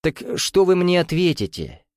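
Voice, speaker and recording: A man's voice: high-pitched, wildly swooping pitch, moderate pace, a little mellow, dry recording, clean studio sound, voice pushed up. A man voicing a jovial, sly bearded Russian nouveau-riche man who teases in a folksy, coaxing way with veiled menace.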